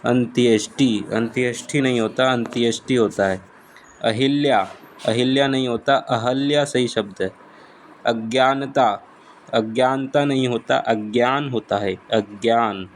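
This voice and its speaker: A man teaching exam spelling, saying each word slowly and repeating it for his students. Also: medium pitch, slight background noise, low-quality recording. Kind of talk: slow spelling lesson.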